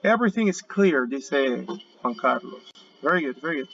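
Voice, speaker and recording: A man teaching a basic English class, explaining step by step and repeating words slowly for his students. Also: mid-range voice, expressive, creaky, a bit bright, dull audio, a little hiss or hum. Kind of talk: online class lecture.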